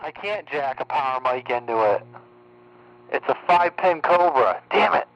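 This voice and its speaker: A man's voice: medium pitch, lively intonation, moderate pace. A man chatting casually on the air as a CB radio operator, swearing in passing, his voice coming through slightly mistuned and off frequency. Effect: slightly mistuned radio sound, off frequency. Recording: dull lo-fi radio with faint hum.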